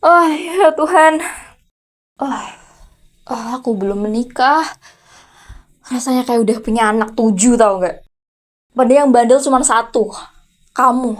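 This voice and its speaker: A woman's voice: fairly high pitch, measured pace, long pauses, close to an everyday voice. A woman in an ASMR role-play voicing a furious, unmarried rich aunt who runs a company and is scolding her teenage nephew with sarcastic, challenging questions. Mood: exasperated. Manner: scolding, sarcastic, repeated sharp "hah?" challenges. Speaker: VTuber role-play creator.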